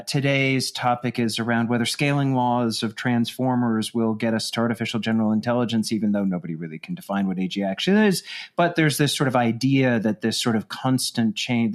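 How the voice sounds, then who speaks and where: A man hosting a podcast, casually framing a long, rambling question for his guest. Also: medium pitch. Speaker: podcast host.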